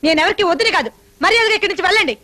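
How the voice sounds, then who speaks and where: A fiery wife. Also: female voice, very high voice, lively intonation, very fast, sharp tone, exaggerated voice. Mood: indignant. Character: fiery wife, a dance teacher. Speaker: dance teacher. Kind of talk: Telugu film acting.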